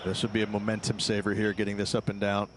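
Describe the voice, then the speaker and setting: A man's voice: fairly low pitch, completely flat delivery, fast talker, a little hiss or hum, natural voice, low-quality recording. A man as a golf commentator, adding analysis and opinion on play in a game broadcast. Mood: matter-of-fact.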